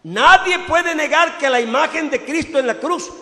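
A male pastor preaching a sermon, swinging from quiet asides to loud outbursts. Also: extremely high pitch, moderate pace. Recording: echoey hall reverb.

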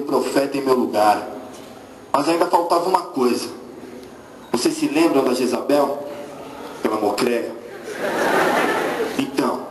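A man's voice: mid-range voice, close to an everyday voice. A man as a prophet telling his story. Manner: storytelling to the audience. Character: aging prophet addressing the audience directly. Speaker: stage actor. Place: church theater stage. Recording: echoey hall, faint noise.

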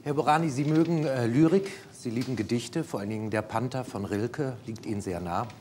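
A man's voice: medium pitch, fairly quick, darkish tone, a little hiss or hum. A man formally and politely explaining the rules of a studio game. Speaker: game presenter on a show.

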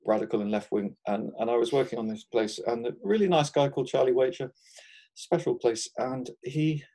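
Relaxed, mellow-voiced older Englishman. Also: mid-range voice, fairly quick. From England. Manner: thoughtful, chuckling often, frequent restarts. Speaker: guest market gardener. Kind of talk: relaxed conversational interview.

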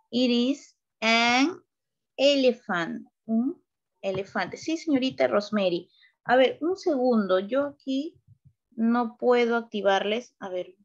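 A woman teacher running an online beginner English class, slow and patient, switching between English and Spanish. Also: on the high side, a little mellow, lo-fi sound.

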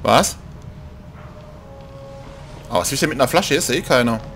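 Man, let's play commentary, gravelly, lively pitch, jokey, mocking, hushed when sneaking. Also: fairly quick, soft background music. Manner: joking, mocks the game characters; drops to a hush while sneaking. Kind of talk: casual gameplay commentary.

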